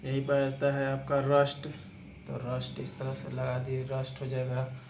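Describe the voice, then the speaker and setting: The speaker is a man whose mid-range, slightly mellow voice stays completely flat as he moves at a measured pace through a shorthand lesson. Working through examples step by step, he repeats himself frequently, spells out words letter by letter, and says "aapka" over and over, all in an echoey room with clear background noise.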